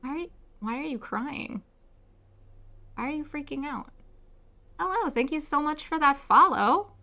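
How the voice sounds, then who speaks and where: A woman's voice: sits high, lively intonation, a little slow, pushed and bright. A woman chatting casually as a game streamer, welcoming viewers as she plays. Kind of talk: casual livestream chat and reading game dialogue aloud.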